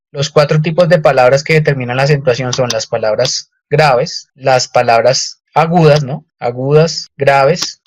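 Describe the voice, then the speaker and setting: A man with a Colombian Spanish accent gives an online lecture with slides, teaching grammar patiently and often repeating words amid fillers. His voice is mid-range, with slight background noise.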